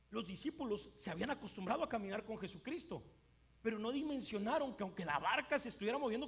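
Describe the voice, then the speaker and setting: A male pastor with a high voice preaches a sermon emphatically, swinging between loud and hushed. He occasionally stumbles and repeats words.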